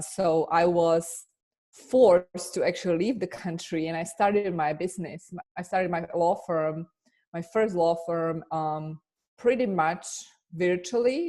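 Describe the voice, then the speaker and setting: A woman's voice: fairly low pitch, warm tone. A woman from Slovakia with a Slovak accent, an immigration attorney answering interview questions earnestly, often restarting her sentences. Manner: earnest, with frequent fillers and restarts. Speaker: immigration attorney and business coach.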